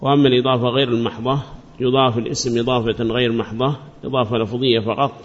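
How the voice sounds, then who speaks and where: A man's voice: medium pitch, steady tone, very fast, slight background noise. Man, teacher, classroom grammar lesson, quizzes students, repeats rules, muffled lo-fi sound. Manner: quizzes students by name and praises answers; repeats and restates points patiently. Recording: muffled lo-fi recording.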